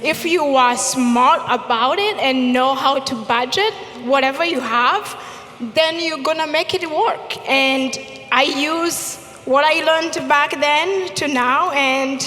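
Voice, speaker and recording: A woman's voice: sits high, takes it slowly, pushed and bright, soft background music. A woman answering as a panelist at a live community event, hesitant with many ums. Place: event stage. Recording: echoey hall reverb.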